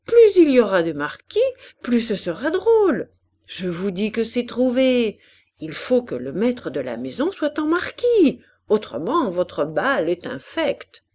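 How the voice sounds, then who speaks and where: Woman doing a self-assured fashionable man, triumphant, insistent, lively pitch, storybook reading. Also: unhurried, slightly rough, full character voice.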